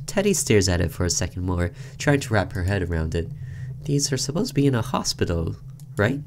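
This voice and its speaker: A man with a low voice and vocal fry does casual let's-play commentary as a gaming video host, reading a game's narration aloud and reacting informally as he goes, against a noisy background.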